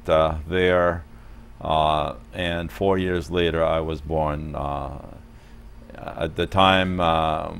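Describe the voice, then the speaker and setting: Being interviewed as a studio guest, a Palestinian man in his sixties talks in a measured way with many hesitations. His low, smooth voice is picked up by a lapel mic.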